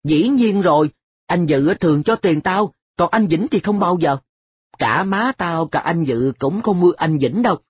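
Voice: mid-range voice, animated, normal speed, slightly rough, no room sound, lo-fi sound, voice pushed up. A reader voicing a carefree, cheeky schoolboy who talks in an offhand, shrugging way in a story reading. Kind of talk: audiobook dialogue.

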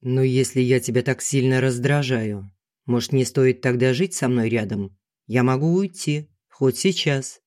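A narrator doing a quiet, restrained husband. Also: mid-range voice, measured pace, dry recording, clean studio sound, close to an everyday voice. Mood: resigned. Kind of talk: audiobook character reading.

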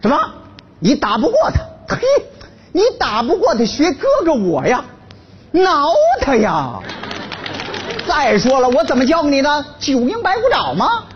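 Comedic henpecked husband, lively and bragging, lo-fi sketch audio. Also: male voice, very high-pitched, unhurried, a little hiss or hum, exaggerated voice. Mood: blustering. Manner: blustering, then fawning and servile. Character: boastful henpecked laid-off husband. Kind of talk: stage comedy sketch acting.

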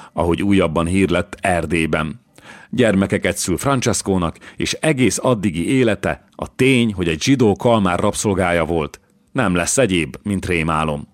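Brief: male audiobook reader, measured and low, very dry studio. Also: no echo. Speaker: audiobook narrator. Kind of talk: scripted historical novel narration.

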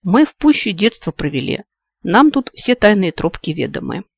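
A man's voice: sits high, sing-song, normal speed, gravelly, dry recording, dull audio, heavily acted. Carefree young giant elf, read by a man. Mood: easygoing.

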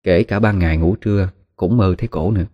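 A man narrating a horror story in a relaxed, conversational way with spoken fillers. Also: sits low, fast talker, no echo, muffled recording. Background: faint guitar music.

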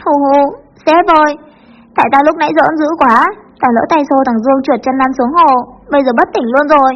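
A whiny, sobbing teenage boy in a panic, as a woman reader puts him on, pitched high and rattling along quickly. He sounds a little muffled, with soft music underneath. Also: lightly acted. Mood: tearful panic.

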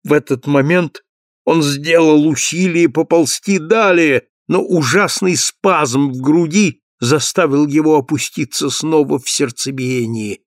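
A man narrates a classic novel in a steady, measured storyteller's voice. His pitch sits somewhat high for a man. The sound is close and dry, with no room around it. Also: no room sound. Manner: steady, measured literary reading. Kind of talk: audiobook reading of a 19th-century novel.

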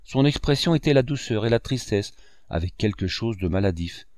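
A man narrating a classic novel in a measured storytelling manner. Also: lowish voice, animated, darkish tone, no echo, clean studio sound. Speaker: audiobook narrator.

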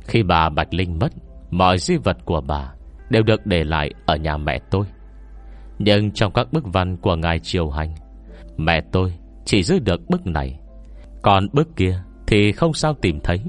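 Casting: solemn, reserved scholar, acted by a male narrator, very low voice with lively intonation, audiobook. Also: normal speed, soft background music. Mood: measured. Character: reserved scholar solemnly recounting his mother's memories. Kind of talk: audiobook character dialogue.

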